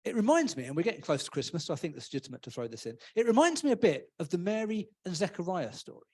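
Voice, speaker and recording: A man's voice: high-pitched, sing-song, quick pace, a little mellow, husky. A man giving a casual, humorous sermon in a church, often acting out voices. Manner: chatty, humorous, acts out voices. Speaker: preacher.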